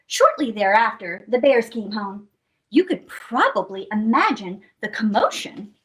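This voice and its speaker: On a low-quality recording, a woman with a voice on the high side reads a picture book to young children at a measured pace. She hosts the storytime expressively and playfully, quizzing listeners and adding sound effects.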